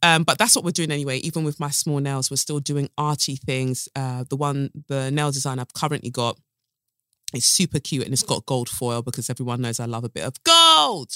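A woman's voice: very deep voice, little pitch movement, a little fast, no room sound, clean studio sound. A woman hosting a casual solo podcast in a playful, emphatic, slangy way, her speech slightly impeded by the retainers she is wearing. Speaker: podcast host.

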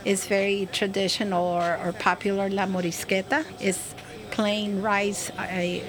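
A woman working as a live interpreter voice, putting a Spanish speaker's words into English in a halting way, with fillers and restarts. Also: mid-range voice, little pitch movement, a crowd in the background. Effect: live interpreter voice, rendering a Spanish speaker's words into English. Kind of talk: consecutive spoken interpretation.

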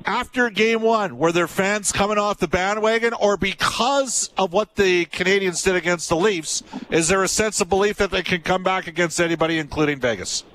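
A man's voice: sits high, moderate pace, hardly any pauses, a bit bright, a little hiss or hum, low-quality recording. A man in his fifties hosting a sports radio show, chatty and rambling, often losing his thread. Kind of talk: casual sports talk.

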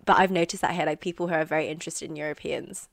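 A woman's voice: low-pitched, steady tone, very fast, vocal fry, no room sound. A young woman from London with a received pronunciation accent, chatting animatedly as a podcast guest. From England. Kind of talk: casual chat.

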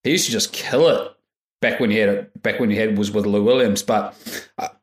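A man's voice: fairly low pitch, steady tone, brisk. A man co-hosting a sports podcast, giving blunt, laid-back takes in short bursts. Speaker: podcast co-host. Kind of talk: casual sports podcast chat. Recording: echoey room.

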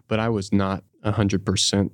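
Low-voiced man in casual interview, dry sound. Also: flat delivery, normal speed, dry recording. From Texas, United States. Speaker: podcast guest, small business founder.

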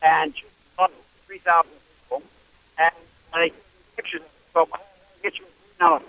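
A man's voice: on the high side, fairly even intonation, sharp tone. A man calling in to a talk show with a rambling question, his phone line breaking up and cutting out. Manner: halting, rambling. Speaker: caller. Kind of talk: call-in question.

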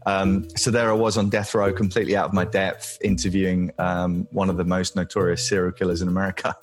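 Low-voiced man recalling things hesitantly. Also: flat delivery, a little fast, over music. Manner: hesitant, reflective, with fillers. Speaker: interview guest, journalist. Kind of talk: casual conversational interview.

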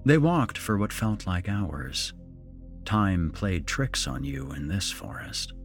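Brief: male horror storyteller, very low voice, unhurried, lively pitch, faint music under him. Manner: slow, dramatic, measured delivery. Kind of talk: scripted horror narration.

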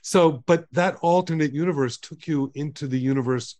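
A man's voice: fairly high pitch, normal speed, a little mellow. A man hosting a podcast interview, eagerly framing questions and summing up the guest's book. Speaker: podcast host.

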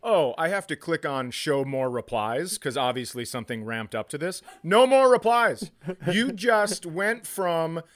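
Co-hosting a comedy podcast, a man tells stories casually, breaking into crude, profane, exasperated rants. His voice is fairly high with lively intonation, unhurried and free of echo.

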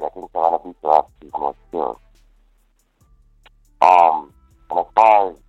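A man's voice: low-pitched, gravelly, no echo. A man calling in to a show, talking in a laid-back slangy way with fillers, his voice muffled as if heard through a wall over a poor phone line. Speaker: caller. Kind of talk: casual call-in chat about boxing picks.

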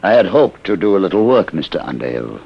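Very deep, gravelly old inventor. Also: male voice, big pitch swings, quick pace, lo-fi sound, full character voice. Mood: courteous, weary. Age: older. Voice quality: gravelly, husky. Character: courteous, weary old refugee inventor from another planet. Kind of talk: old-time radio science fiction drama acting.

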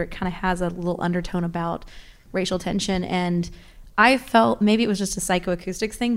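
A woman in the audience asking a long, rambling question, searching for her words. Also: fairly low pitch.

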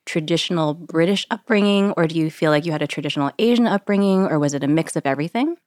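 A woman's voice: sits low, quick pace, a little mellow, no room sound, clean studio sound. A woman hosting a casual interview podcast, chatty and enthusiastic, peppering her talk with "like.". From Connecticut, USA. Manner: chatty, enthusiastic, uses "like" a lot. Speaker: podcast host, magazine editor.

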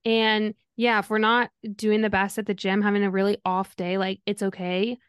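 A woman's voice: medium pitch, flat delivery, normal speed, clear, resonant tone, no echo, clean studio sound. A young adult woman hosting a podcast in a casual chat, upbeat and chatty, laughing often. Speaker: podcast host.

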